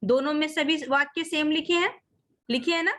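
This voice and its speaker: Woman teacher leading a video-call class for young kids; high, patient voice, coaxing pupils by name. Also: a bit bright. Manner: slow, drawn-out reading of example sentences; coaxing, addresses children as beta. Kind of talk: online class lesson.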